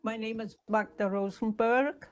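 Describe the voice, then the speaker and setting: Eighties woman, documentary interviewee, halting and emotional delivery. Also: on the high side, fairly even intonation. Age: 80s. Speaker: Holocaust survivor interviewee.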